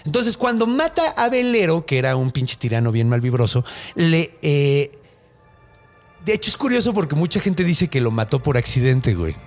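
A Mexican man with a fairly high, very lively voice retells an old myth with slang and jokes. He laughs often and keeps the chat loose. Soft music plays faintly behind him. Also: normal speed. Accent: Mexican Spanish. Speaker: podcast host.

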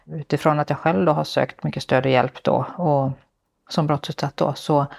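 A podcast host with a mid-range voice and a gravelly edge talks thoughtfully with a guest. The host hedges and circles back with soft fillers while putting thoughts together. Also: mid-range voice, fairly even intonation. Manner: thoughtful, hedging, many fillers. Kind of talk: reflective interview conversation.

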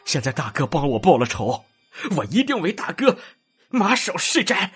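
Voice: mid-range voice, big pitch swings, normal speed, fairly bright tone, breathy edge, soft background music, full character voice. An actor doing cowering male laborers begging for mercy. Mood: fawning. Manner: pleading, wailing and fawning.

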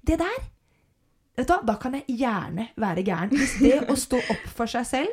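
A woman's voice: fairly high pitch, big pitch swings, a little mellow, husky. A woman hosting a casual chat, speaking frankly and heatedly and swearing freely. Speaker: podcast host.

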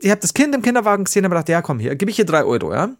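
Animated storytelling man, slightly high voice. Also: racing. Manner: animated, acts out quoted dialogue with big jumps in pitch; swears casually, rambling restarts. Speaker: podcast host. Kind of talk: casual storytelling chat.

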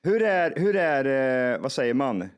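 A young man telling a long story in casual podcast chat, animated and full of swearing, acting out the people he quotes. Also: mid-range voice, smooth, muffled recording.

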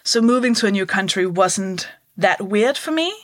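A woman's voice: medium pitch, lively intonation, moderate pace, no echo, studio quality. Danish woman in her thirties, candid. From Denmark. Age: 30s. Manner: candid, laughs often, mimics voices for jokes. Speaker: comedian guest. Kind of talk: casual interview chat.

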